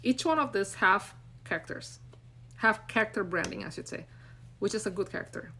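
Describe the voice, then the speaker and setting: An expressive mid-range voice, bright and forceful at a moderate pace, comes through with a little hiss or hum. She's a forties-aged brand coach from Indonesia hosting an unscripted live stream from her phone at arm's length in a small room, rambling, filler-heavy, earnest and encouraging.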